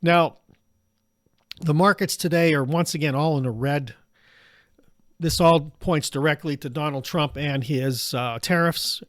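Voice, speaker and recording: This show host, a middle-aged man from the United States, comments on political news in a slightly high voice made raspy by allergies. His delivery is even and deliberate, peppered with "uh." The recording is dry and studio quality.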